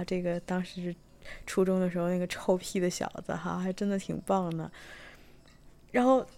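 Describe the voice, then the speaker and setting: A young woman from Tianjin, chatting through a personal story with many fillers and restarts, sometimes bursting with excitement. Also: on the low side. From Tianjin, China. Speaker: vlogger telling a personal story. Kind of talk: casual storytelling monologue.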